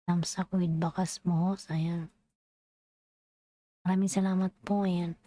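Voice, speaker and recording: A woman's voice: on the low side, flat delivery, takes it slowly, dark tone, dry recording. A sleepy woman from the Philippines, chatting casually on her livestream late at night and signing off. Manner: tired, drowsy, sign-off chatter. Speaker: livestream vlogger. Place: UAE.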